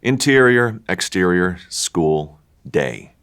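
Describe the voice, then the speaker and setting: A man reading the stage directions in a table read, dry and unhurried. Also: low voice, very animated, fairly bright tone, soft background music.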